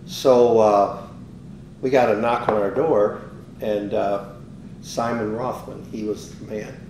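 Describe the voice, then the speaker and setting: A man's voice: steady tone, slow pace. Older man telling rambling stories, roomy. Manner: rambling anecdotes, acts out quoted dialogue. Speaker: interviewee, business owner. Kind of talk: casual storytelling. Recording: roomy, distant mic with faint rumble.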